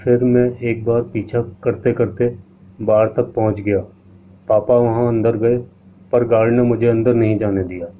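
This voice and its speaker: A man's voice: medium pitch, fairly even intonation, moderate pace, lightly acted. A man voicing an earnest young boy, a little brother telling what he saw. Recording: tinny lo-fi line with faint hiss.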